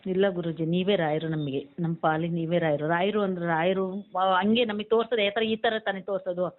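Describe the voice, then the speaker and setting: A woman's voice: fairly low pitch, fairly even intonation, brisk. A woman, calling in to share her testimony emotionally and deferentially. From Hassan, Karnataka. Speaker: caller. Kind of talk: phone-in devotional testimony. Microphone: phone. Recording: phone line.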